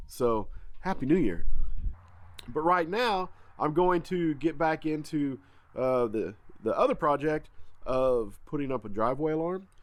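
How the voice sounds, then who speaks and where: This farm vlogger, a man who sounds congested, has a fairly high voice with lively intonation and speaks a little slowly in a dry recording. Chatting casually to camera for his homestead vlog, he's folksy and talkative, greeting viewers as "y'all."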